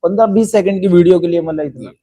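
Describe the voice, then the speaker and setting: A man hosting a podcast, calmly asking his guest questions. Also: high voice, quick pace, a crowd in the background, poor audio. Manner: calm, asks questions and backchannels. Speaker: podcast host. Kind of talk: casual podcast interview.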